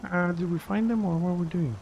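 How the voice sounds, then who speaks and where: A man's voice: sits high, quick pace, creaky, highs cut off, slight background noise. A man with a Greek accent streaming a game live, grumbling and swearing as he restarts his sentences. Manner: restarts and trails off mid-sentence. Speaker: gaming livestreamer. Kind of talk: casual live gameplay commentary.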